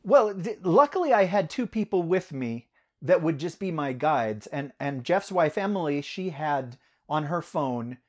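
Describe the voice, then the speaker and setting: American narrator, animated storytelling, pitch swinging high and low, casual podcast. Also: unhurried. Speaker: audiobook narrator.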